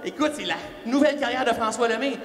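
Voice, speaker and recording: Québécois male speaker, high voice, quick animated storytelling, long church-hall reverb. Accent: Québécois French. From Quebec. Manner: fast-talking, animated, self-mocking. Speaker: motivational speaker. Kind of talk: storytelling motivational talk. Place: large church hall before an audience.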